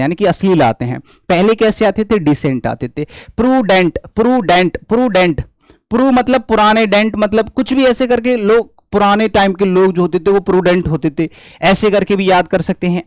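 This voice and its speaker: High-voiced Indian man teaching vocabulary. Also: no room sound. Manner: repetitive, quizzing students with rhetorical questions. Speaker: English teacher. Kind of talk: vocabulary lesson.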